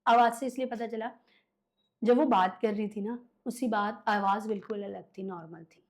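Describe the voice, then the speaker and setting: A woman who works as an occult healer is the guest in a conversational interview, telling stories and animatedly voicing her clients' words in quotes. Her voice is mid-range and steady at a moderate pace.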